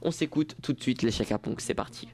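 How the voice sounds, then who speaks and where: A man's voice: medium pitch, a little fast, creaky. A young man hosting a campus radio show in a studio, chatting casually with lots of fillers and restarts. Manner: rambling, many restarts and fillers. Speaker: radio host. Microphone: studio microphone.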